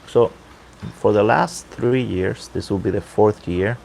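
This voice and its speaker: Deep male voice, creaky fry, halting casual livestream chat, kept down, outdoors, faint background water noise. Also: darkish tone, low-quality recording. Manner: halting, unhurried, keeping his voice down. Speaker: livestream host and pipe hobbyist. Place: outdoor balcony at night near a pool.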